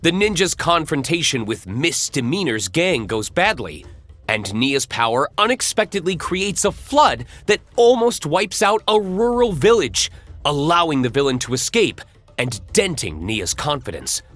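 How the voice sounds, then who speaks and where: An audiobook narrator reading a children's adventure story with expressive storytelling. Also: medium pitch, unhurried, faint music behind.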